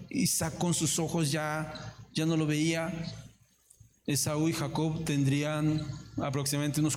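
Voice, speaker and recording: A male pastor preaching a sermon, mixing warm exhortation with playful jokes to the congregation. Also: a little high. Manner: humorous, playful asides to the congregation.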